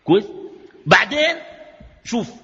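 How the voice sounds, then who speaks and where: A man's voice: high voice, very animated, moderate pace, sharp tone. A man with a Sudanese Arabic accent giving a religious lecture, arguing his point with rhetorical questions, recorded in a reverberant hall on dull lo-fi sound. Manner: argumentative, fires rhetorical questions. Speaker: preacher.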